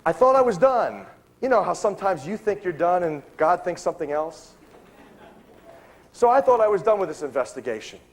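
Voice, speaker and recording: A middle-aged man speaking to a live audience, telling a story with lively acted-out dialogue. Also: high voice, normal speed. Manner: animated storytelling, acting out dialogue.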